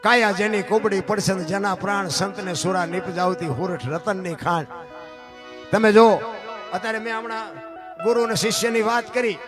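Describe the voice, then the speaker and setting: A man's voice: sits high, fairly even intonation, moderate pace. A man telling stories at a dayro, chatting folksily and chanting long alliterative verse lists in a driving rhythm. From Gujarat, India. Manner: folksy, chatty asides to the audience. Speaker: folk storyteller at a dayro. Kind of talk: dayro storytelling with rhythmic recitation. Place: live stage performance. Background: folk instrumental music.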